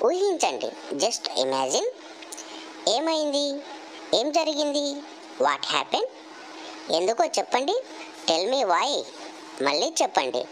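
A woman teaching English phrases, reading each one slowly after its Telugu translation. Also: fairly high pitch, a little hiss or hum, poor audio. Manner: slow, deliberate reading of phrase pairs.

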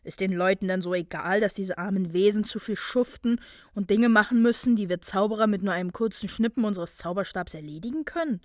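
A woman voicing a brooding young male wizard student, quiet and guilty. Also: fairly quick, no room sound, studio quality, close to an everyday voice. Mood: earnest. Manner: quiet, subdued, low murmur.

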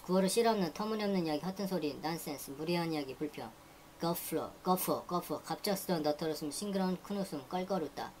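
With a faint hiss beneath her, a woman with a low pitch reads out dictionary entries in a teaching role, doubling each word before running through its meanings. She sounds animated and a little mellow, moving briskly as if down a list.

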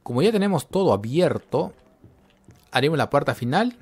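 A man narrates his own game run in a casual, jumpy way, muttering to himself between bursts of fright. His voice is husky and swings widely up and down. Keyboard typing can be heard behind him. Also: fairly high pitch, very animated, normal speed, a little mellow. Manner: jumpy, talks to himself while playing. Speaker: gameplay commentator. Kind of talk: casual gameplay commentary.

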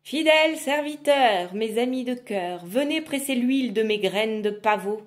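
A woman voicing a menacing old witch in a storybook reading, loud and growling. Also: fairly high pitch, expressive, takes it slowly, voice pushed up. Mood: commanding.

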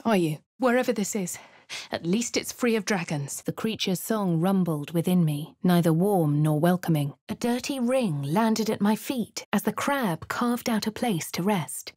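Voicing the player character, a posh female adventurer in a fantasy game, an actress speaks at medium pitch with an expressive, darkish tone and normal speed. Her narration and remarks are lightly acted, dry, composed and refined, with crisp upper-class English diction. There's no echo.

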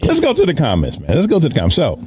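A man's voice: fairly high pitch, wildly swooping pitch, racing, darkish tone. A man in his thirties hosting a podcast, with boisterous, teasing, slangy banter into a close studio microphone. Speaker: podcast host. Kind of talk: casual banter. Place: small indoor podcast studio.

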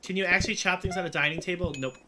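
A host chatting casually while playing a co-op cooking game, laughing often and bursting into excited yelling. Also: medium pitch, very fast. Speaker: host and player. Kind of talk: casual co-op gameplay chat. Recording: noisy gameplay recording.

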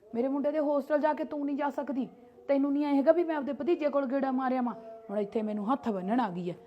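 A woman plays a protective, sharp-tongued mother in a homemade family skit, speaking with a Punjabi accent. Her voice sits a little high, and she argues and scolds, defending herself at every turn. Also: a little fast, muffled recording, a little hiss or hum, close to an everyday voice. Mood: scornful. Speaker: sister-in-law.

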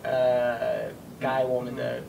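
A young man speaks Mandarin as a foreigner, with a non-native accent and a halting, word-hunting delivery. His pitch is average, and he sits back from the microphone in a noisy room. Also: sing-song, creaky, lo-fi sound. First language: not Mandarin. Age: 20s. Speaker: learner of Chinese. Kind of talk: casual conversation in halting Mandarin. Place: small indoor room, seated on a sofa. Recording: distant mic, noisy room ambience.

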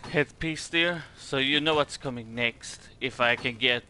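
A man's voice: mid-range voice, unhurried, sharp tone, a little hiss or hum. A man from Sweden with a Swedish accent gives casual game commentary in a hesitant, rambling way, repeating words as he goes. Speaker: gaming video creator.

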